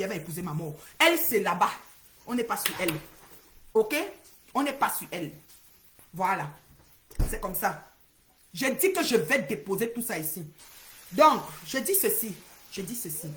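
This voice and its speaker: A woman with a West African French accent hosting a heated livestream, repeating names and calling people out, swinging between loud outbursts and low muttering. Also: echoey room. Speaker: livestream host. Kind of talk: heated social media livestream rant.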